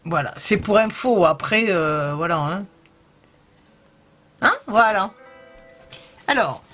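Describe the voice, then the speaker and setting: A woman's voice: medium pitch, fairly bright tone. Woman with a southern French accent, hosting a homemade craft tutorial; chatty, hesitant, fond of fillers; faint music underneath. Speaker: crafting video host.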